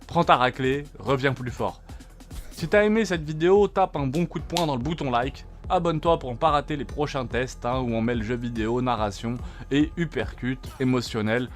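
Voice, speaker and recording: A man narrates a game review from a script. He talks in clipped, punchy phrases and asks rhetorical questions. Faint music plays softly behind him, and his pitch sits in a middle range. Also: normal speed. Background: faint background music.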